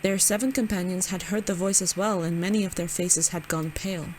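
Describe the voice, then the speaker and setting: A woman's voice: lowish voice, fairly even intonation, a little fast, a little mellow, slight background noise. A young woman reading a visual novel aloud, casual and giggly, stumbling over words with side comments. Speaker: gaming channel host.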